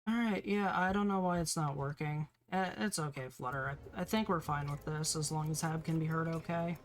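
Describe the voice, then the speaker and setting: A man's voice: fairly high pitch, a little fast. A man hosting a live gaming stream in casual chat. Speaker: streamer, host.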